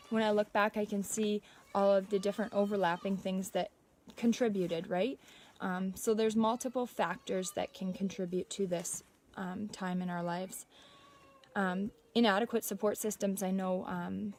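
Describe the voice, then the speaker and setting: A woman's voice: mid-range voice, darkish tone, slight background noise. A young adult woman talking casually and reassuringly, as a host sharing her experience on a livestream. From Canada. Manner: reassuring, conversational. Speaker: livestream host and mother speaking from personal experience. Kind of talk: casual informal livestream talk.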